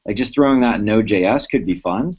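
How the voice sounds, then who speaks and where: A man with a very low voice rambles through a casual tech discussion, pausing and restarting often. The sound is dull and lo-fi, like a streamed panel. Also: husky. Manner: rambling, hesitant, many fillers.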